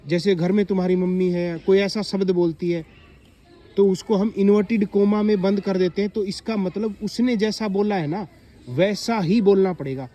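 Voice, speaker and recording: Man, high voice, classroom teacher, quizzes the kids, reads examples slowly. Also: fairly even intonation, dark tone. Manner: repetitive questioning, drawn-out reading of example sentences. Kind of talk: classroom explanation to children.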